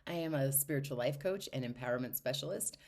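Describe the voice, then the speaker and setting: A woman with a low, grounded voice tells a personal story as a spiritual life coach. She speaks in a chatty, casual way and laughs often as she goes. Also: animated, quick pace, darkish tone.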